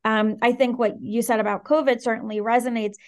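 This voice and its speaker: A woman in her thirties, raised between Venezuela and the Washington DC area, speaking as an interview guest in an articulate, earnest and animated way. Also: fairly high pitch, fairly quick. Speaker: guest, startup co-founder. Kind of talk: interview conversation.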